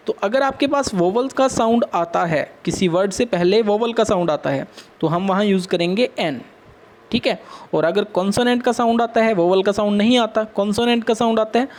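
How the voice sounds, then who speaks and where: Indian teacher explaining English to children. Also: male voice, high voice, normal speed, a little mellow. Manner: explains step by step, asks questions and answers them. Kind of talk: classroom lesson for children.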